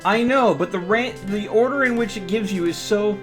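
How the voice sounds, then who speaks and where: Talking himself through each step of his game with frequent exclamations, a male streamer offers casual live commentary. His voice sits high and runs at a normal speed, with music behind it.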